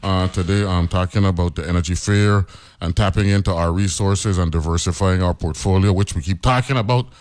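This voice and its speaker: A man's voice: low-pitched, a little fast, darkish tone. A man with a Crucian accent hosting a casual radio talk show, chatty and playful, often repeating his words. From St. Croix, US Virgin Islands.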